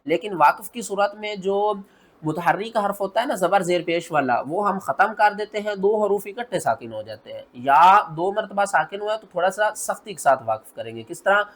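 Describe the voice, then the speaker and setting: A man with a notably high voice gives a recitation lesson. He explains each rule patiently, one step at a time, asks himself what to do next, and then slowly draws out the recited examples. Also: lively intonation, fairly bright tone. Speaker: Quran tajweed teacher.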